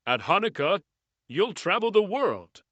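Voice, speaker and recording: A woman voicing a kindly, grand old Santa Claus from a storybook, with slow, benevolent pronouncements. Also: mid-range voice, very animated, a bit bright, no echo, muffled recording, voice pushed down. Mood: warm, approving. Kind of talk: storybook character voice.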